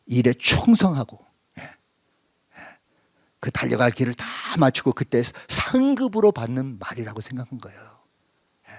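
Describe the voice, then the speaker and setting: Man preaching with animated, dry voice. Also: medium pitch, moderate pace, pauses often, dry recording. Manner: intimate storytelling, drops to a whisper then rises to emphatic questions; mixes English phrases into speech. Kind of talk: sermon, personal testimony. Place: church.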